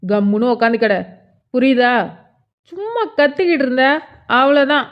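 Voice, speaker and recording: A woman's voice: sits high, animated, normal speed. A woman voicing a cruel, mocking robber in a cartoon who taunts the tied-up family. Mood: taunting. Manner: sneering, taunting. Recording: dull lo-fi sound.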